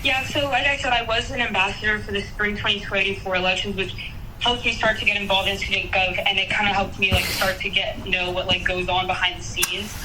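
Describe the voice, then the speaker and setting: A woman's voice: mid-range voice, steady tone, brisk. Young woman on speakerphone, casual and eager. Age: young adult. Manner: casual, eager, many fillers like "like" and "um". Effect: heard over a speakerphone call. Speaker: student applicant. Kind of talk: phone interview answers. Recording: distant speakerphone with clear background noise.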